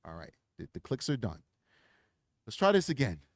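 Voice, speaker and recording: A man's voice: mid-range voice, wildly swooping pitch, moderate pace, no room sound. A man hosting a true crime livestream, preaching with emphasis and then chatting casually through his plugs on a desk microphone. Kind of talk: impassioned livestream outro.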